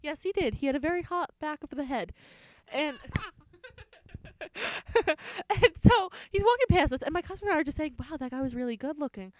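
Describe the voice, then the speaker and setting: A woman's voice: high voice, animated, normal speed, long pauses, no echo, low-quality recording. A young woman co-hosting a podcast, telling stories in a chatty way full of fillers. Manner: chatty storyteller, many "like" fillers. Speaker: podcast co-host. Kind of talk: casual chat.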